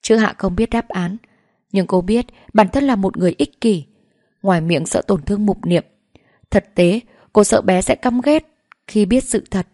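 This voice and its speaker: A woman narrating a romance novel in a steady, even reading voice. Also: medium pitch, moderate pace, dry recording, clean studio sound. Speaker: audiobook narrator.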